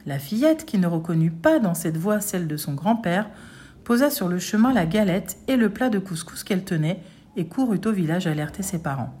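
A woman narrating a folk tale aloud with an even storytelling cadence. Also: on the low side, normal speed.

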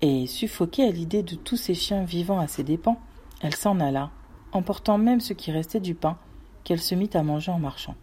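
A woman narrating a classic short story aloud in a measured, expressive way. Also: fairly low pitch, slight background noise.

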